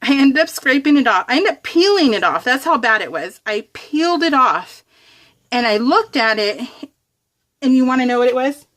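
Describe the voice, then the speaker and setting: A woman vlogger with a high, expressive, fairly bright voice talks at a normal speed while working through a craft project in real time. Her casual, chatty tutorial is giggly and self-deprecating, rambling from one thought to the next.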